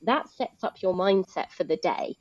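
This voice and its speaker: A woman's voice: on the low side, normal speed, no room sound, highs cut off. A woman speaking as a guest in a live online talk, chatty and explanatory with many fillers. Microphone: video call.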